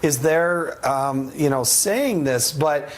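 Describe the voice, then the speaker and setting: A middle-aged man, a former congressman, speaking as a TV guest with a raspy voice, often stumbling and repeating words as he starts sentences. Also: a little high, slow pace. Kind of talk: TV interview.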